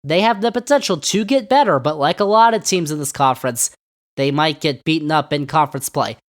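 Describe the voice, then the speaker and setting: A man's voice: on the high side, brisk. A man hosting a solo sports podcast, talking sarcastically and throwing rhetorical questions at his listeners. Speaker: podcast host.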